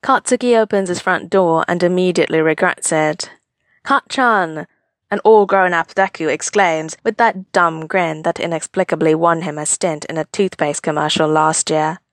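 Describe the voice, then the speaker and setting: A woman's voice: fairly low pitch, normal speed, hardly any pauses, no echo, clean studio sound. A woman narrating fan fiction aloud with a wry, casual storytelling manner.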